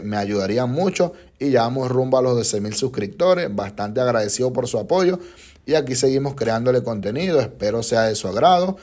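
A man's voice: medium pitch, darkish tone. A young man, a barber, narrating a step-by-step haircut tutorial in a barbershop, patient and instructive, often checking in with his viewers.

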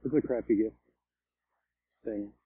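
A man hosting a casual unboxing vlog, talking in a halting, offhand way with many restarts. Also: lowish voice, breathy edge, no room sound, narrow, tinny audio. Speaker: vlog host reviewing candy.

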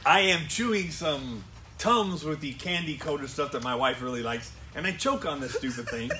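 Male co-host, self-mocking joker, bright and forward tone. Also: on the high side, animated, normal speed, slight background noise. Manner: joking, self-mocking storyteller. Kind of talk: casual live-stream chat.

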